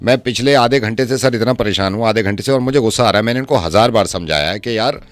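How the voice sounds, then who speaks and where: A man doing a deep-voiced fake neighbor boy on a prank phone call. He talks low, pleading and insistent, and keeps repeating himself as he begs for help. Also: quick pace, no room sound, faint music behind, close to an everyday voice. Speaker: radio prank caller.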